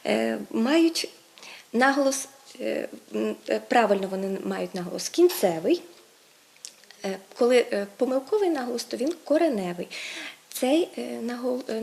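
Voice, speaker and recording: A woman's voice: fairly high pitch, gravelly. A woman presenting an educational segment on word stress, explaining patiently with hesitation fillers and stressing each example word. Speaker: language presenter.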